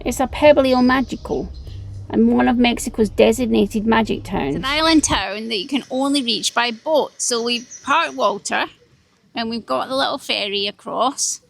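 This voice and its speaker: A woman from the UK hosting a travel vlog, talking in a chatty, wry and animated way. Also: fairly high pitch, moderate pace, vocal fry. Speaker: travel vlogger. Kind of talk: casual travel vlog chat.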